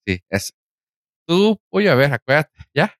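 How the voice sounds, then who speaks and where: A young man with a Mexican Spanish accent chatting casually, animated and slangy, acting out the people he quotes. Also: a little high, unhurried, no room sound, clean studio sound. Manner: animated, says "güey" constantly, acts out quotes. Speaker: podcast co-host. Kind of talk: casual chat.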